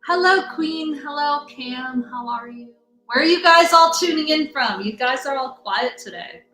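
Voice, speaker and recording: A woman's voice: sits high, expressive, a little slow, pushed and bright. Chatty woman live-stream host, rambling and greeting viewers, in an echoey room. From US Midwest. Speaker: livestream host, energy reader. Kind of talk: casual live-stream chat. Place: home room in Texas. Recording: echoey room, faint music.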